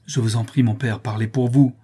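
A man's voice: medium pitch, fairly even intonation, brisk, mellow, husky, close to an everyday voice. A man reading the part of a proud young woman, cold and defiant toward her father.

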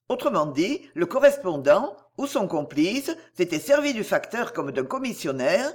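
Lively French audiobook narrator. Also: mid-range voice. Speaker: reader.

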